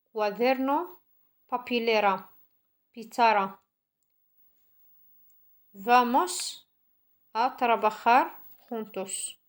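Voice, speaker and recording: A woman teaching Spanish, reading vocabulary slowly one word at a time and explaining in French. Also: fairly high pitch. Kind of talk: slow classroom vocabulary reading.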